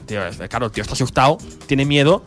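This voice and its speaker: A man's voice: medium pitch, very fast, faint music behind. A man hosting a podcast, joking as he reviews a video game's voice acting. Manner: joking, animated. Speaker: podcast host. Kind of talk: comic game review chat.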